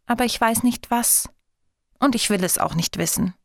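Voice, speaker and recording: A woman's voice: a little high, normal speed, gravelly, no room sound, studio quality, voice pushed up. A woman doing a grumpy sulky little heart. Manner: grumbling, defiant, dismissive.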